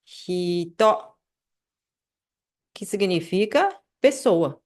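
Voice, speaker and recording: A woman with a Brazilian Portuguese accent teaching an online language lesson, patiently repeating phrases slowly and checking in with the listener. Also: on the low side, expressive.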